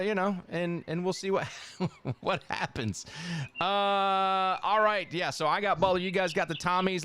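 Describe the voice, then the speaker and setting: A man hosting a casual sports talk show, reading stats and quickly adding his own asides. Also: a little high, a bit bright, a little hiss or hum. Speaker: show host.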